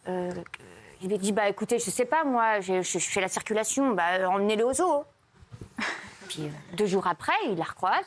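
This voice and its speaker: A woman's voice: mid-range voice, a bit bright, slight background noise. A woman telling jokes on a TV comedy show, hesitating often and giggling at her own stories. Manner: hesitant, many "euh" fillers, giggles. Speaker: joke teller. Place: TV studio.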